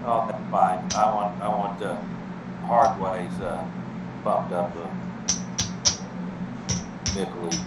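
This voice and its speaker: A man making casual, halting bet requests as a player at a craps table. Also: low-pitched, flat delivery. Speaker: craps player placing bets. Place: indoor room at a craps table. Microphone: distant from the speaker. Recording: distant echoey room, noisy air-conditioning hum.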